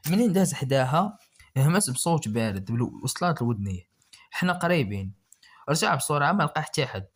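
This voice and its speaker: A man's voice: fairly high pitch, sing-song, fast. A man with a Moroccan accent narrating a horror story in a dramatic, suspenseful way.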